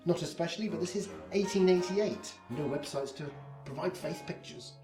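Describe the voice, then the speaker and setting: Actress as dry, assured time-traveller, audio drama, deep for a woman, echoey room, faint music. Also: moderate pace, close to an everyday voice. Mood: wry. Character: assured, wry time traveller acting the gentlemanly doctor.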